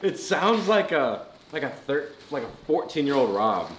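A man's voice: mid-range voice, sing-song, normal speed, a bit bright, slight background noise. A man co-hosting a vlog, making dry, teasing remarks in casual banter. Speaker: vlog co-host.

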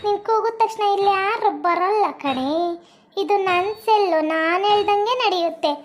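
Woman as sing-song, leering cellmate in a comic skit; high voice. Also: moderate pace, slight background noise. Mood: taunting. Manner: taunting, sing-song repetition. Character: pushy, leering female cellmate, bossy.

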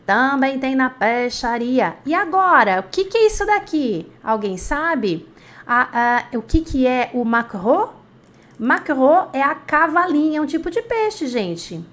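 A woman teaching a live online lesson, chatty, asking the class questions and repeating words slowly. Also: high voice, very animated, a bit bright. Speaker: French teacher.

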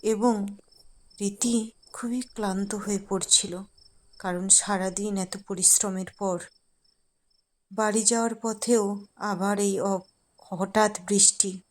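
A woman narrating a cartoon story in a measured, plain storytelling manner. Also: mid-range voice, fairly even intonation, a little hiss or hum.

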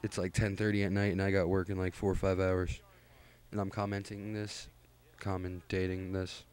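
A man's voice: sits low, flat delivery, moderate pace, a little mellow, clean tone. A tired young man hosting his gaming channel, talking casually and rambling in a laid-back, self-deprecating way over gameplay.

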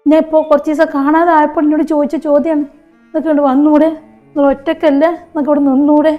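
A woman's voice: high voice, little pitch movement, fast, dull audio, faint music behind, close to an everyday voice. A woman playing a poor elderly widowed mother in a short skit, speaking in a Malappuram accent, hurt and pleading. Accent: Malappuram Malayalam. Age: older. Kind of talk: short-film skit acting.

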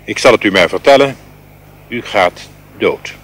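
A man's voice: fairly low pitch, lively intonation, a little slow, fairly bright tone. A man voicing a stern male doctor who speaks bluntly in a fairy tale. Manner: blunt, clipped.

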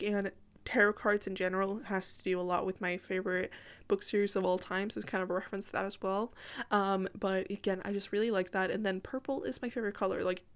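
A woman talks through a gaming video in a casual, rambling voiceover at a middling pitch. Her voice is strained and sore, cracking now and again, and she often breaks off into chatty asides. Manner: chatty, self-interrupting, apologetic asides.

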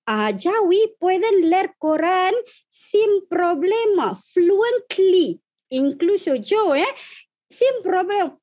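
A woman's voice: very high-pitched, a little mellow. A woman from Malaysia whose first language is Malay, teaching an online language lesson with a Malaysian accent, often checking in with "vale" and spelling out words syllable by syllable. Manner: spells out letters and syllables slowly.

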